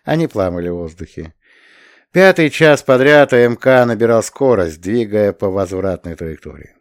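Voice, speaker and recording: A man's voice: lowish voice, expressive, normal speed, no room sound. Man narrating an audiobook, dry sound.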